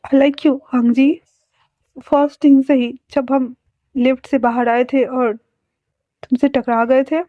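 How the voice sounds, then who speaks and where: A woman voicing a young male doctor who is frightened and flustered, speaking in a rushed, panicky way. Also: sits high, level tone, no room sound. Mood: anxious. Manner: panicky, breathless scolding. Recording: dry, dull lo-fi sound.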